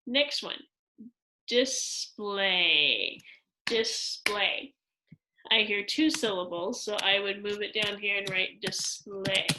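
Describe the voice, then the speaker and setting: A woman teacher walking second graders through a worksheet in a slow, patient lesson, explaining each step aloud. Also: medium pitch, steady tone, bright, forceful tone, slight background noise, low-quality recording. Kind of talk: instructional screen-recorded lesson.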